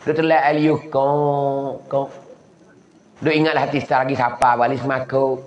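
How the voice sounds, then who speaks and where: A man's voice: medium pitch, steady tone, fast. A man from southern Thailand with a Patani Malay accent, giving a folksy religious lecture and mimicking animal noises as he tells stories. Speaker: Islamic preacher. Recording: echoey lo-fi recording.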